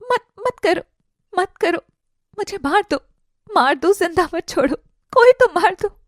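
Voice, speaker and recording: A woman's voice: extremely high pitch, expressive, measured pace, dry recording, clean studio sound, voice pushed up. A woman voicing a frightened, abused young wife in an audio drama, stammering and begging through tears. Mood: pleading. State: crying.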